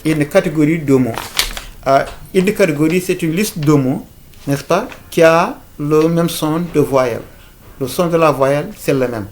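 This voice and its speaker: A man's voice: on the high side, normal speed, darkish tone, slight background noise. A man teaching an informal video lesson, hesitant, with many fillers, restarts and repeated words. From Africa.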